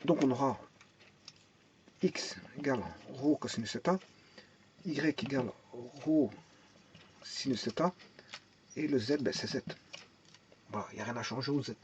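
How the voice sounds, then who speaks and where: A man's voice: mid-range voice, measured pace, long pauses, lo-fi sound, a little hiss or hum. A man teaching a math and physics lesson, explaining step by step, thinking aloud, repeating words and restarting often, and asking and answering his own questions.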